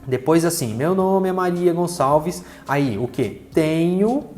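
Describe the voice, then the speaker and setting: A man's voice: fairly high pitch, animated, slow pace, darkish tone, soft background music. A man in his forties teaching a spreadsheet lesson over a screen recording, chatty, tossing in little fillers as he points at the screen. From Brazil. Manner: chatty, repeats fillers like "né" and "ó" while pointing things out. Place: small room with green backlight.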